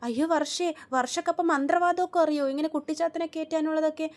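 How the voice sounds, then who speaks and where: A woman voicing a timid young woman who is scared of ghosts, with a pleading tone and a fairly high voice. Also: steady tone, quick pace, natural voice. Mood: frightened.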